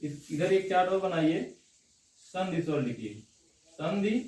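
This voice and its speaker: Male teacher, high voice, quizzing students; distant, roomy classroom recording. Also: animated, a little slow, a little mellow. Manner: checks understanding with repeated "theek hai na?". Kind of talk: classroom lecture on Hindi grammar. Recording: echoey room, distant mic.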